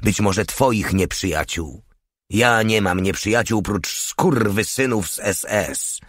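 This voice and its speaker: A man's voice: fairly low pitch, slow pace, fairly bright tone, no room sound, clean studio sound, voice pushed up. A man reading a crude, mocking male soldier with a scornful, sneering manner.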